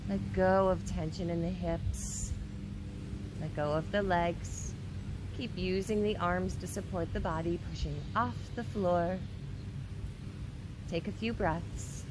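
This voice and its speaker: A woman giving guided yoga instruction in a careful, unhurried way. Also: fairly low pitch, steady tone, noisy background.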